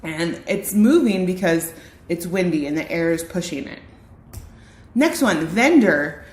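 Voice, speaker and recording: With a fairly low, darkish voice, lively intonation and a slightly slow delivery, a female teacher reads a picture book to children. Her read-aloud lesson includes explanations of words and plenty of direct questions to the young viewers.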